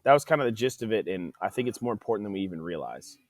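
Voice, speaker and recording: A man who is an athletic trainer and podcast guest, telling stories in a casual, animated way and acting out quoted dialogue. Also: fairly low pitch, very fast, no room sound. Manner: animated, acts out quoted dialogue, says "dude" often. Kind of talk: casual conversational storytelling. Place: podcast studio.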